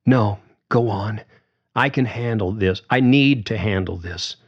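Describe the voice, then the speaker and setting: A man's voice: lowish voice, a little slow, husky, dull audio, voice pushed up. A man voicing an angry young woman who talks in a firm, clipped, seething way.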